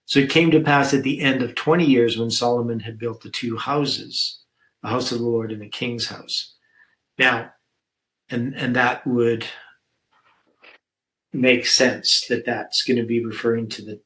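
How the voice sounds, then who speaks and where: A man's voice: medium pitch, fairly even intonation, a little slow, a bit bright, rough recording. A man leading a Bible study discussion, thinking aloud with many fillers and reading scripture verses aloud.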